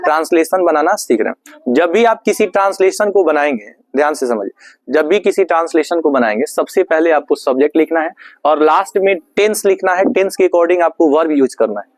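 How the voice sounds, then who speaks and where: High-voiced teacher quizzing his class. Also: animated, dry recording. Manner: asks the class questions and answers them himself; slows right down to spell out English phrases. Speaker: English teacher. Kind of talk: classroom lesson. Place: classroom with students.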